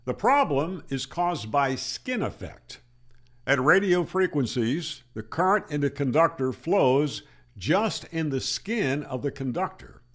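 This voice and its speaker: A man over sixty who hosts an amateur radio channel gives an explanatory tutorial, emphatic and deliberate with rhetorical questions and repeats. His voice is on the high side, very animated and fairly bright, picked up by a close boom-arm desk microphone in a small plain room.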